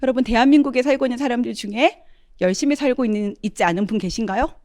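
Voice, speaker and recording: A woman's voice: fairly high pitch, fast, a little mellow, no echo, clean studio sound. A middle-aged woman giving a testimonial talk, often turning to address her audience as she tells her story.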